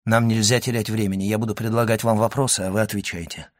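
A man voicing a grave doctor who questions an old man in a low, hushed and urgent voice. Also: level tone, fast, no echo, studio quality, lightly acted. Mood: hushed probing.

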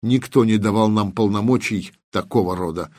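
A cautious, awestruck explorer who speaks quietly and muted, as a man reads him in an audiobook. Low voice, recorded dry and close. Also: normal speed, no room sound, close to an everyday voice. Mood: hushed. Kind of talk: audiobook character reading.

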